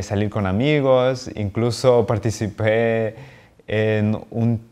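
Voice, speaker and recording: Young man, lower-pitched voice. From Honduras. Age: young adult. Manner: earnest, friendly, animated with hand gestures. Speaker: international student. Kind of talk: testimonial to camera. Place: small bright office indoors.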